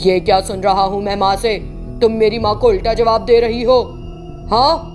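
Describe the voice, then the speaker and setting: A woman's voice: mid-range voice, normal speed, darkish tone, soft background music, lightly acted. Woman voicing a bullying harsh husband. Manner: threatening, barking orders.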